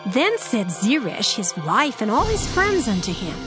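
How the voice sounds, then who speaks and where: A woman narrating a dramatized audio Bible in a formal, measured storytelling manner. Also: on the high side, huge pitch swings, music in the background.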